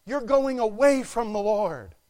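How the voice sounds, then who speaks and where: A man preaching a sermon to a church, swinging from quiet asides to loud exclamations. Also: sits high, expressive, a little slow.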